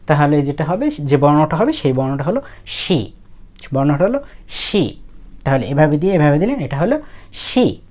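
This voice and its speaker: A woman's voice: deep voice, a little mellow. A woman teaching how to write characters, explaining casually and thinking aloud as she goes. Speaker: language teacher.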